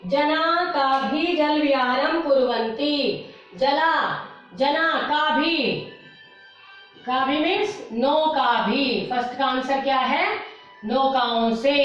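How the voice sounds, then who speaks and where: Heavy room echo, a dull lo-fi tone and faint music surround a distant, high-pitched woman teaching Sanskrit. In this classroom lesson on word meanings she goes slowly through vocabulary, repeating every word and steadily correcting how students pronounce it.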